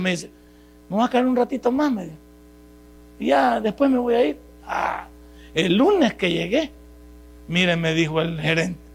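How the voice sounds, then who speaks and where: A man with a Salvadoran accent, a pastor preaching a sermon in a church, telling a story with quoted dialogue and rising into shouts. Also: high-pitched, creaky, husky. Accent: Salvadoran Spanish. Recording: mains hum behind the voice.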